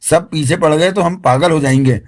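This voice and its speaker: A man's voice: fairly high pitch, moderate pace, natural voice. A man voicing a timid, flustered male servant who hurries to praise his master.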